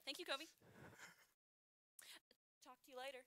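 Bright high-voiced woman co-hosting. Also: fairly even intonation, a little slow. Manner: upbeat, giggly, explaining experiments. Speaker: science show co-host. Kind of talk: playful live-stream chat.

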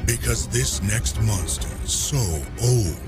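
A man's voice: on the low side, slow pace. A man reading scripted narration for a top ten countdown in a dramatic, ominous manner. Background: music.

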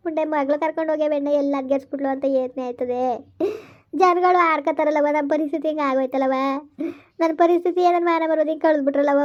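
A woman's voice: high-pitched, lightly acted. A woman voicing a grieving old village grandmother, lamenting and calling out to God. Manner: lamenting, wailing to God and a neighbour. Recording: dull lo-fi recording.

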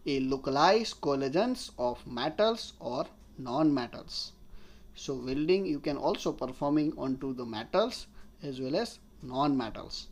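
A man talks over lecture slides as an engineering tutor. His voice sits a little high for a man. He explains step by step and keeps restating points in other words.

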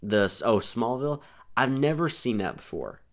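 A man's voice: mid-range voice, very animated, moderate pace. A young man hosting a podcast in casual chat, rambling and restarting his sentences often. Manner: rambling, restarts often, says "here's the thing". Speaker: podcast host.

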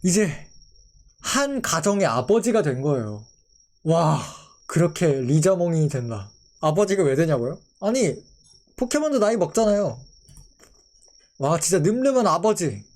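High, lively young man streamer. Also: measured pace. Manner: playful, mock-outraged, talks to chat. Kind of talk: casual commentary to viewers.

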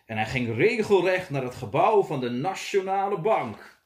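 A man, a teacher, reading a fairy tale aloud to children in a lively, playful way. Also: fairly high pitch, moderate pace. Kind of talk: storybook read-aloud for children. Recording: echoey room.

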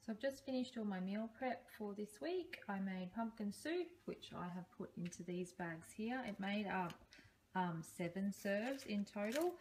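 A woman's voice: medium pitch, animated, moderate pace, a little mellow, slight background noise. A woman in her thirties with an Australian accent, chatting casually through her meal prep in a home kitchen, recorded on a phone. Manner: chatty, upbeat, frequent ums. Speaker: vlogger. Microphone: phone camera held close.

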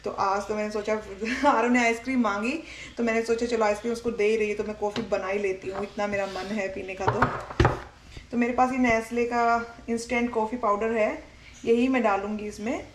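A woman's voice: on the high side, steady tone, a little fast, background noise. A young woman from India chattily explaining each step as she cooks in her home kitchen, talking to her viewers. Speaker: home cooking vlogger and mother. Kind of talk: casual cooking vlog narration to viewers. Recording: kitchen sizzle and stirring sounds.

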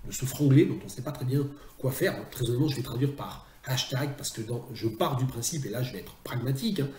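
A man's voice: mid-range voice, fast, a little mellow, echoey room, slight background noise. A man teaching translation in a recorded video lecture, chatty and self-mocking, often drifting into asides.

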